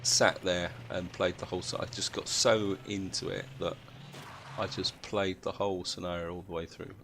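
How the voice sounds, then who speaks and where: A man's voice: low-pitched, level tone, moderate pace, creaky, fairly bright tone. A British man, sounding half asleep, giving casual commentary as he hosts a video game playthrough. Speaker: video game let's-play host. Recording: noticeable background noise.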